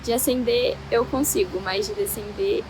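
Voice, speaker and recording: A woman's voice: a little high, fairly even intonation, normal speed, darkish tone. A woman student asking a question, recorded from a distance with faint traffic behind.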